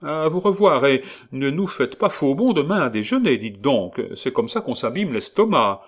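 A man voicing a chatty older landlady who fusses and scolds warmly, in a high put-on voice. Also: very animated, normal speed. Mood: fussing.

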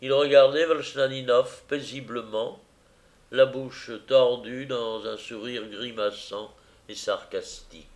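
A man reading a novel aloud as narrator, in a measured, even storytelling manner. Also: medium pitch.

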